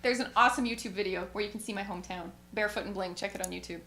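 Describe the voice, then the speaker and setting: A woman guest musician telling a story in animated fashion, acting out the quotes with big swings in pitch. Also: very fast, a little hiss or hum. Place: radio studio. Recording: roomy studio.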